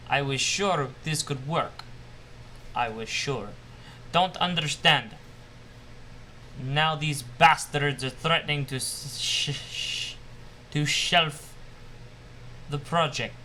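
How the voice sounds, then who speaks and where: A man's voice: a little high, sharp tone, slight background noise. A man voicing a bitter, obsessive male scientist losing his mind, ranting and paranoid in a put-on Russian accent. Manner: ranting, paranoid, self-pitying.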